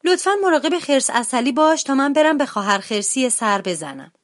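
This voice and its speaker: A woman voicing a caring, busy mother bear in a storybook, speaking softly and reassuringly. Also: high-pitched, lively intonation, voice pushed up. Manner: soft, reassuring.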